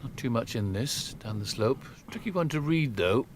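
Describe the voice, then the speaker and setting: A man's voice: mid-range voice, animated, normal speed, a little hiss or hum. A man giving live golf commentary in short, descriptive phrases.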